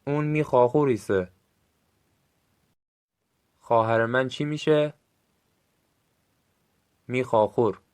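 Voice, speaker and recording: A man with a Gilaki accent giving a recorded language lesson, saying short phrases slowly and clearly for listeners to repeat. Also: mid-range voice, darkish tone. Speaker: language teacher.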